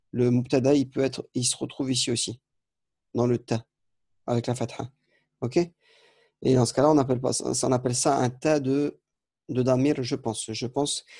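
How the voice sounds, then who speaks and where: Dry, mellow-voiced man teaching grammar. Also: mid-range voice, dry recording. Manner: explanatory, repeats and corrects himself. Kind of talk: recorded lesson correcting exercises.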